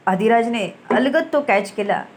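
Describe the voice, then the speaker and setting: Woman narrator, higher pitch, storybook reading, voices the dialogue. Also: unhurried. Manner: acts out the dialogue, switching voices between characters. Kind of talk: reading a romance story aloud.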